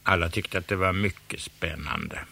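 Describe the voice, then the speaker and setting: A man reading a children's storybook aloud with lively, expressive narration. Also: low-pitched, vocal fry, a little hiss or hum.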